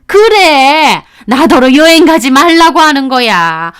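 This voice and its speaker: In storytelling radio acting, a woman plays a nagging, domineering older mother-in-law scolding her daughter-in-law. Her full character voice is high, slow, a bit bright, with big pitch swings, and she sounds scolding and contemptuous.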